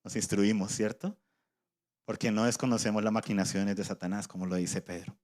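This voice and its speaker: A man's voice: on the low side, fairly even intonation, fairly quick, a little mellow. A man preaching a sermon in a conversational way, voicing imagined objections from his listeners.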